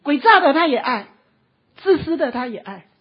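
On a dull lo-fi recording, a woman preaches an emotional sermon in a high voice with big pitch swings at a normal speed. She is impassioned and often near tears, sprinkling little "ha" tags through her sentences.

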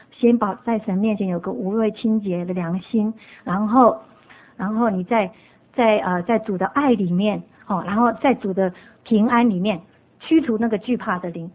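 Woman, husky voice, higher pitch, earnest church testimony, tinny lo-fi sound. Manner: earnest, emotional storytelling with laughs. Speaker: church member giving testimony.

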